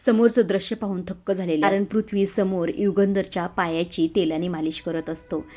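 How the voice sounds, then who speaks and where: A woman retelling a TV serial episode as a recap narrator, in a steady storytelling manner. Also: fairly low pitch, fairly quick.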